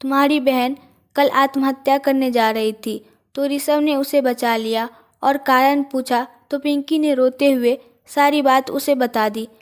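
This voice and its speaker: Worried middle-aged mother on the phone, high voice, read by a woman storyteller. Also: fairly even intonation, measured pace.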